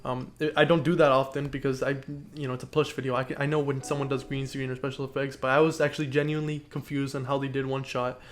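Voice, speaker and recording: A man's voice: mid-range voice, flat delivery, fast talker, hardly any pauses. A young man co-hosting a casual podcast, rambling with lots of fillers and restarts. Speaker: podcast co-host and YouTuber. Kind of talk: casual chat.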